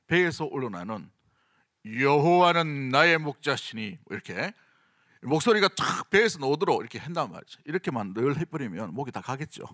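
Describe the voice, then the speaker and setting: A man's voice: mid-range voice, fairly bright tone, no echo, clean studio sound. A middle-aged man with a Gyeongsang accent preaching a sermon in a conversational way, often asking the congregation questions. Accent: Gyeongsang Korean. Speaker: senior pastor.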